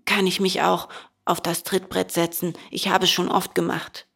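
A woman voicing a cheeky, eager boy in a storybook, coaxing in a bright childlike voice. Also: lowish voice, flat delivery, moderate pace, creaky, slightly rough, full character voice.

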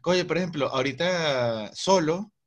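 A man's voice: fairly high pitch, expressive, measured pace. A Venezuelan man chats on a podcast in a loose, joking way. He rambles, restarts his sentences and laughs along with his co-hosts. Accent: Venezuelan Spanish. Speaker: podcast co-host. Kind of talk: casual podcast chat.

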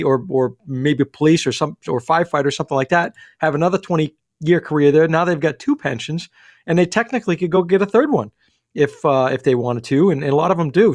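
A man's voice: fairly high pitch, no room sound. A man working as a financial advisor, talking through money and retirement on a call-in radio show, with lots of restarts and fillers. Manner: quick, energetic, many restarts and fillers.

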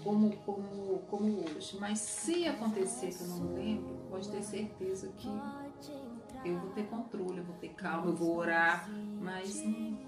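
Soft hesitant woman answering in a church group, echoey room, music behind. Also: medium pitch, fairly even intonation, moderate pace. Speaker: church member in group study.

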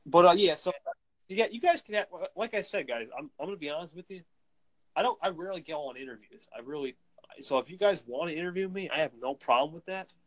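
A man's voice: a little high, expressive, fast. A man chatting casually, hesitant and rambling, often restarting his sentences. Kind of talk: casual chat.

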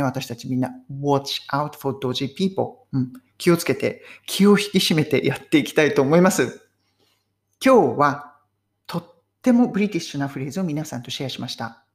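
A woman teaching English phrases in a casual, chatty way, laughing often and slowing right down to model English sentences. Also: low-pitched. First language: Japanese. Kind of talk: casual spoken English lesson.

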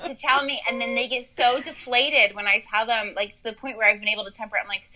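A woman's voice: fairly high pitch, fairly even intonation, fast, sharp tone, rough recording. A woman in her thirties with a South Jersey accent, a comedian joking animatedly in casual chat. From New Jersey. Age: 30s. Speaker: comedian, guest.

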